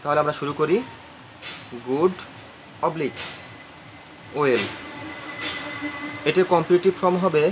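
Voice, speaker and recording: A man's voice: on the high side, a little slow, pauses often. Guy teaching grammar, keeps repeating himself and spelling stuff out, kinda dull recording. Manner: spells words out letter by letter, repeats phrases, asks the viewers questions. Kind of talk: spoken grammar lesson. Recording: slightly dull audio with faint ambient noise.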